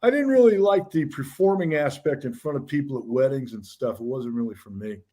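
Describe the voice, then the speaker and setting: A man who works in radio and media chats casually in an interview, telling stories with easy, self-deprecating humor. His medium-pitched voice is expressive, brisk, and mellow.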